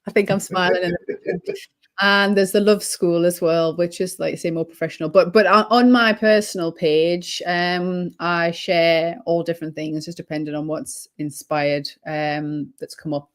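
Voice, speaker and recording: Here a British woman, a holistic healing coach, chats casually as an interview guest while losing her voice, so it comes out low and a bit hoarse. Her intonation is fairly even at a normal speed, and she wanders reflectively, full of ums and false starts.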